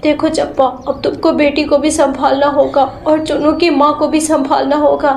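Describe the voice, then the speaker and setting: A woman voicing a kindly male pigeon who brings bad news in an earnest, hurried way, in a storybook tale. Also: high-pitched, little pitch movement, creaky, a little mellow. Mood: urgent. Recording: roomy echo.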